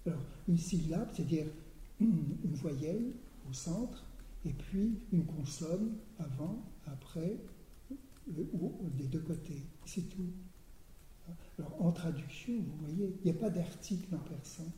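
An older man giving an academic lecture, hesitant, repeating words and often clearing his throat. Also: a little high, expressive, slow pace, warm tone, a little hiss or hum. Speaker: lecturer on Persian poetry. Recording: roomy hall sound.

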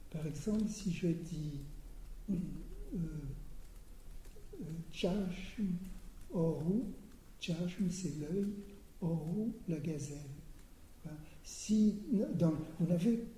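An older man giving an academic lecture, hesitant, repeating words and often clearing his throat. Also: sits high, dark tone, a little hiss or hum. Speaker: lecturer on Persian poetry. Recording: roomy hall sound.

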